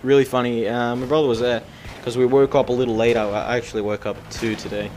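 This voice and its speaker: A man's voice: medium pitch, steady tone, fast, darkish tone, a little hiss or hum. Young guy, mid-range voice, casual rambling gameplay commentary, faint game gunfire underneath. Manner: rambling, filler-heavy, chatty.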